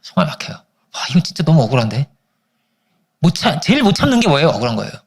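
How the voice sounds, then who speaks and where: A man preaching a Sunday sermon as pastor, telling stories with animated voices for the people in them. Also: rapid-fire, gravelly, slightly rough. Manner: animated storytelling, acting out family quarrels in high voices.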